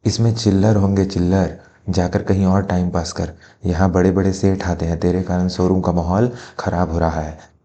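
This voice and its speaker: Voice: low-pitched, fairly even intonation, normal speed, dark tone, natural voice. A man playing an arrogant, bullying car showroom salesman in a family drama. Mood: scornful. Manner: rude, scornful, bullying.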